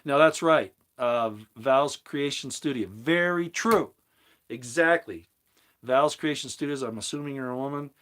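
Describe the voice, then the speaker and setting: Man on a livestream, rambling, reads chat comments aloud, restarts sentences, mid-pitched. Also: unhurried, fairly bright tone. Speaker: livestream host answering chat. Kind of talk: casual livestream talk on scripture.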